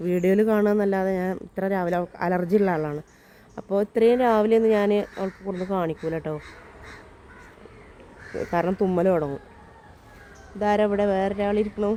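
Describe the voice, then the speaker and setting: Woman, Malayali accent, mum-vlogger; coaxing, teasing delivery, slightly rough cold-worn voice, outdoor take with faint noise. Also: medium pitch, warm tone. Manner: coaxing, teasing talk to her child. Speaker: vlogger, mother. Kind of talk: casual family vlog chat.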